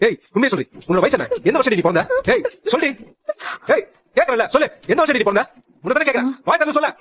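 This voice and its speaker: A man's voice: sits high, sing-song, very fast, slight background noise. A young man playing a suspicious husband in a TV family drama, speaking harshly. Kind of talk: TV serial acting.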